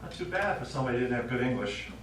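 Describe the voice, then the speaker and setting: On a small theatre stage, a man acts the part of an elderly Italian-American widower father, a stubborn war veteran who tells stories from his past. His medium-pitched, fairly bright voice is close to an everyday one, rapid-fire with lively intonation, and his wry, rambling reminiscing sets the mood. Recorded from the audience with a distant mic, the sound is echoey with faint noise.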